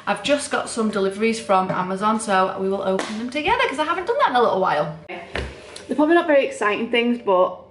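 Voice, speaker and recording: A woman's voice: on the high side, very animated, quick pace, background noise. Tired, rambling woman in an echoey room. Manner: rambling, chatty, self-deprecating, lots of fillers. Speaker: student nurse vlogger. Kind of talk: casual chatty vlog. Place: home, indoors. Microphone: camera set down nearby.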